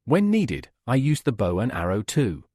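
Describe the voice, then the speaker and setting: Eager young hunter student in an animated recap reading, husky and dry, read by a man. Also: medium pitch, moderate pace, no room sound.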